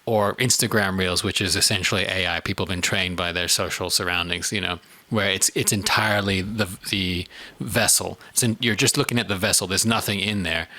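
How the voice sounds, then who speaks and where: Bright-voiced South African man. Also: deep voice, steady tone, a little fast, hardly any pauses, no echo. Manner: thoughtful, rambling, with many "you know"s. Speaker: podcast co-host. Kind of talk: casual studio chat. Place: studio.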